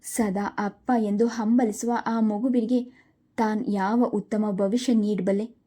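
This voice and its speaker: A woman reading a family drama story aloud in a steady, emotive way. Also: medium pitch, breathy edge.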